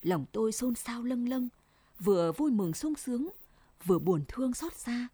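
Mellow woman reading a story. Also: on the high side, lively intonation, moderate pace, slightly rough, dry recording. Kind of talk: first-person story reading.

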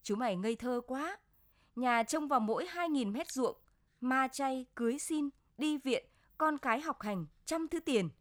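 A woman's voice: sits high, expressive, moderate pace, dry recording, studio quality. A woman reading a blunt, shrewd village grain trader. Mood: gruff. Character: blunt middle-aged rural man, shrewd grain trader.

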